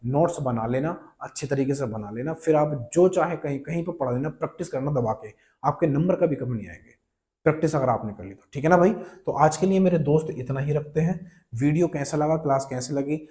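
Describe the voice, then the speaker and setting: A man's voice: fairly high pitch, brisk, mellow. A young man teaching a Hindi grammar class online, repeating each key term and quizzing the viewer as brother and friend. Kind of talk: online exam-prep class.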